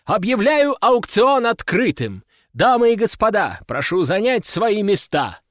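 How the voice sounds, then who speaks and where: A man voicing a smug male auctioneer who announces lots in a loud, showy manner, in an audiobook reading. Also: high voice, animated, unhurried, no room sound, studio quality, voice pushed up.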